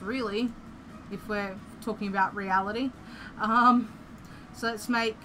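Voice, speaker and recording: Australian woman, young, rambling playful game chat, unhurried, faint background hum. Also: medium pitch. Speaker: streamer. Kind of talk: casual game commentary.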